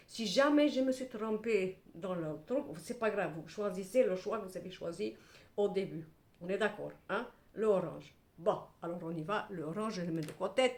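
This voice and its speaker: A middle-aged woman gives a tarot reading to camera in a blunt, salty, chatty way. Her voice swoops up and down a lot. It sounds roomy and echoey, as if she is recording in a bare room at home. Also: mid-range voice. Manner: animated, blunt and salty, with repeated "hein" and "voilà". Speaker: tarot card reader.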